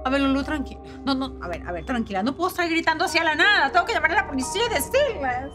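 A shrill, fussy lady in a panic. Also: very animated, fast, music in the background. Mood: fussing. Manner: theatrical, talks to herself, wails. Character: dramatic, vain woman panicking over a stolen TV. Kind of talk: TV comedy drama.

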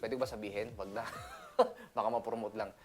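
A man's voice: lowish voice, fairly even intonation, normal speed, a little mellow, soft background music. A man from the Philippines, a seaman, talking casually in a chatty vlog, laughing often and mixing in English. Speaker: seaman vlogger.

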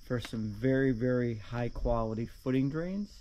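A chatty man giving a plainspoken basement tour for his own channel, voice sitting in a middle range. His talk is relaxed and full of small "uh" fillers. Faint noise and crickets hang behind him. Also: mid-range voice, moderate pace, rough recording. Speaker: woodworking channel host. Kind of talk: casual walkthrough vlog. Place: basement under a lifted house.

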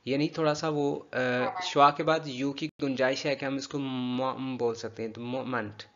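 A man teaching English pronunciation, patiently drilling words slowly and repeating them for a learner. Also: mid-range voice, flat delivery, lo-fi sound, a crowd in the background. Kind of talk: spoken language lesson.

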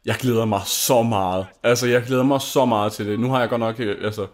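A man's voice: medium pitch, steady tone. A young man from Denmark hosting a gaming channel, chatting casually over gameplay in a rambling, gushing way full of fillers and restarts.

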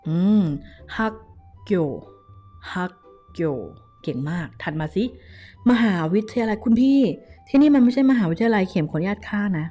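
A young woman with a Thai accent teaching a casual Korean lesson, lively and coaxing, drilling each word syllable by syllable. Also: medium pitch, normal speed, faint music behind.

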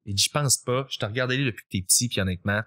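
A young man with a Quebec French accent tells a personal story on a podcast. He speaks casually at an average pitch for a man, and keeps jumping into high, excited quotes of his younger self. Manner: animated, acts out his past self in quick high quotes. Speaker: podcast guest.

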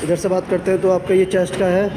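A man's voice: high voice, little pitch movement, fast. A man giving a walking tour of a busy gym, plainly pointing things out and repeating himself as he goes. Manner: plain, repetitive guiding, points things out as he walks. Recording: noisy gym background.

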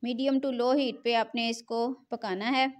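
Cooking host: middle-aged woman, fairly high voice, chatty and repetitive. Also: fairly even intonation, normal speed. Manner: chatty, repeats filler phrase "jo hai na". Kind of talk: cooking tutorial voice-over.

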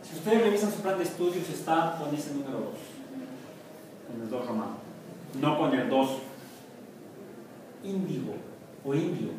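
Mexican guy teaching math, kinda high voice, sounds far off in a big echoey classroom. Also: lively intonation, normal speed, pauses often, noisy background. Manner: jokey, asks the class questions. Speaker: university math professor. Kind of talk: classroom lecture. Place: university classroom.

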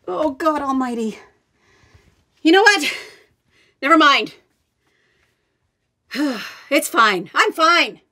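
An actress playing a flustered woman fumbling about a basement and shouting up the stairs in a rambling way. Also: lowish voice, animated, moderate pace, vocal fry, breathy edge, exaggerated voice.

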